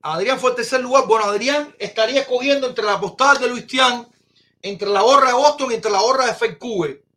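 A man hosting a casual live-stream chat, excitable and exclaiming, often repeating his phrases. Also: very high-pitched, fairly quick. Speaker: podcast host.

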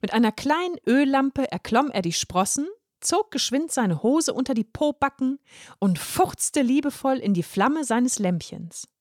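A woman narrates a comic short story with a playful, expressive delivery. Her voice sits a little high, and the recording is close and dry with no room sound. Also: a little slow, dry recording.

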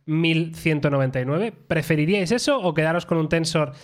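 Man, Spain accent, slightly high pitch, podcast host, casual tech chat, playful slang. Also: a little fast. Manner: colloquial, playful, addresses listeners directly.

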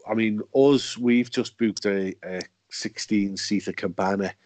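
A man's voice: fairly low pitch, steady tone, a little slow, a little mellow, dry recording. A man hosting a podcast, chatty and joking, laughing often as he talks. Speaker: podcast host. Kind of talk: casual chat.

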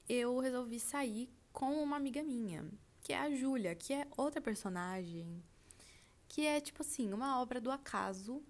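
A woman of about twenty, from Brazil, chatting casually on her podcast and telling listeners about her trip, full of fillers. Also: mid-range voice. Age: turning 20. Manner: chatty, lots of fillers like "tipo assim", addresses listeners as "gente". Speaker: podcast host.

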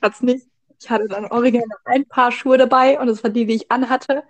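A woman's voice: fairly high pitch, fairly even intonation, fairly quick, no room sound. Chatty young woman in her twenties. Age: 20s. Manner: chatty, cheerful storytelling. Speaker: podcast guest. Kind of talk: casual podcast chat.

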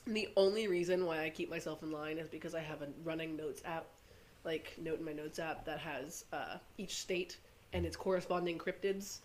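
Female podcast co-host, hoarse and congested, giggly rambling banter, slightly noisy home recording. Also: low-pitched, moderate pace. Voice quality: hoarse, congested smoker-like rasp. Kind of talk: casual chatty banter.

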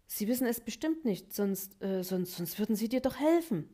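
Woman doing a high eager animal cub. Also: measured pace, warm tone, close to an everyday voice. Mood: urgent. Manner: eager, pleading, stammering. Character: anxious young male wild animal cub.

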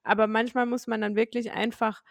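A young woman telling her own story frankly and lively in a casual conversation. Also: fairly high pitch, brisk, dry recording, clean studio sound. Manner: frank, animated storytelling with laughs.

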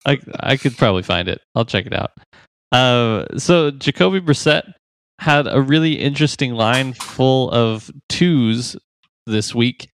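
Gravelly man talking football odds. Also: mid-range voice, expressive, no room sound. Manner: chatty, laughs easily, quick stats rundown. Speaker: podcast co-host. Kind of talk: casual sports betting chat.

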